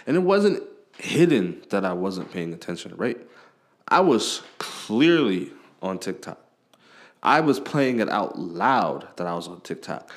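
A man hosting a podcast, talking in a blunt, profane, casual rant. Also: fairly low pitch. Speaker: podcast host. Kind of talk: casual ranting monologue.

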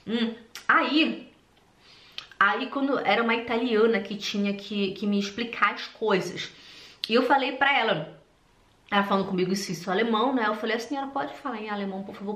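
Animated higher-voiced woman vlogger. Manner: animated, expressive storytelling. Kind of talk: personal storytelling and encouragement. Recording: roomy echo.

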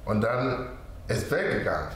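A man who is not a native German speaker, slowly telling a personal story in broken German as an interview guest, full of pauses and quoted dialogue. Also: lowish voice, big pitch swings, fairly bright tone. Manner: slow, hesitant, with many fillers and quoted dialogue. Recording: very echoey room with faint background noise.

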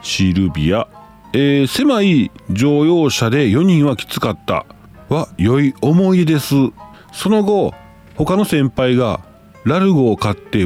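A man's voice: on the high side, darkish tone. A man with a Kansai accent, hosting a casual live stream, reading listener messages aloud and exclaiming often as he reacts.

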